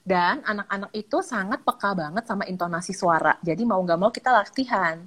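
A woman talking through parenting advice in a relaxed, chatty way. She switches readily into playful quoted voices and sprinkles English terms into her speech. Her delivery is expressive, and her pitch sits at a typical level for a woman. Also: a little fast. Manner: animated, acts out parents' quotes with lively intonation; mixes English words into speech. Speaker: child psychologist guest. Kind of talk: casual live-stream chat.

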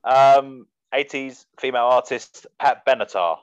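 A man's voice: medium pitch, a little slow, smooth. A man hosting a casual music podcast, laughing often and swearing casually. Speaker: podcast host running a music list. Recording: dull muffled sound, dry.

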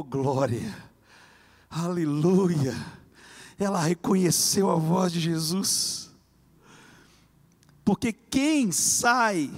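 A man preaching a fervent sermon, swinging between loud cries and hushed lines. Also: high voice, in a large hall.

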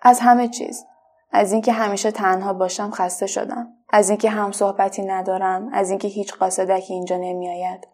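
A woman voicing a lonely, gentle artificial red flower in a children's story, speaking softly and wistfully. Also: medium pitch, steady tone, lightly acted. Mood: weary. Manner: soft, wistful, quietly pleading.

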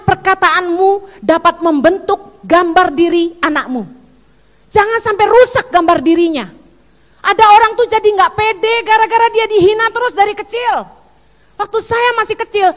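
A middle-aged woman pastor preaching an animated sermon, acting out the voices she quotes. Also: high-pitched, big-room sound.

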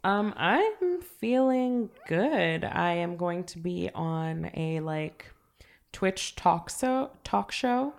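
A woman co-hosting a casual podcast, sick, with a deep raspy voice, chatty and trailing off into fillers. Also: very animated, drawn-out words. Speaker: podcast co-host.

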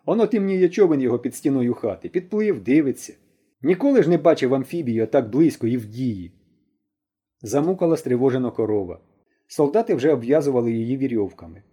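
Husky, dark-voiced male storyteller. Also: mid-range voice, brisk. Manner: expressive storytelling, shifting tone. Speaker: audiobook reader. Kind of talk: audiobook narration.

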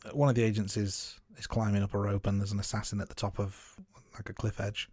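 Lowish-voiced man, dry close sound. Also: little pitch movement, a little mellow, slightly rough, dry recording. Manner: measured, note-by-note commentary. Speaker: podcast co-host. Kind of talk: casual film review chat.

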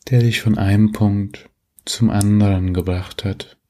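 Deep, slow sleep story narrator, male. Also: steady tone. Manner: soothing, gentle, unhurried, with long pauses. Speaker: meditation guide, host.

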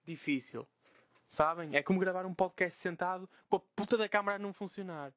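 Young portuguese guy ranting on his podcast, high voice, talks super fast, cursing a lot, dry close sound. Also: no echo. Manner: swearing, animated, mocking quoted voices. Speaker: podcast host. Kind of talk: casual solo podcast rant. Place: bedroom.

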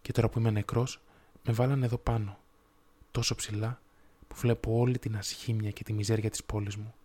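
A man voicing a sorrowful male prince statue, speaking in a low, soft, musical voice. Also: level tone, lightly acted.

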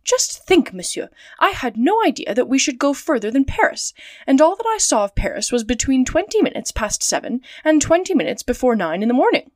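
A woman reads out a talkative French manservant in a storybook. He chatters eagerly and exclaims, his voice bright and leaping upward. Close and dry. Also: sing-song, a little fast, dry recording. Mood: chatty. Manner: exclaiming, chatty, pitch jumping up.

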